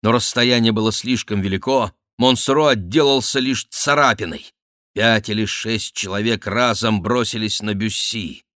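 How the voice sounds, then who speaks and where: A man narrating an adventure novel as an audiobook, steady and measured. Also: on the low side, no echo, studio quality.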